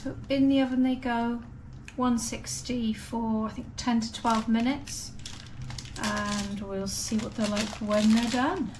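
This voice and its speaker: A woman with a slightly high voice talks at a slow, unhurried pace. She chats casually to viewers as in a home baking vlog, describing each step as she goes. There is clear background noise from the room. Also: fairly even intonation. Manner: chatty, unhurried step-by-step commentary.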